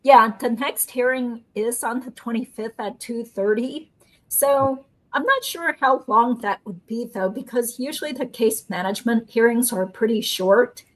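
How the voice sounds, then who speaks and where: Here a lawyer hosts, her voice a little high and her pace unhurried, though the audio quality is poor. She keeps things light and upbeat, blending casual chat with explanations of what's happening in court.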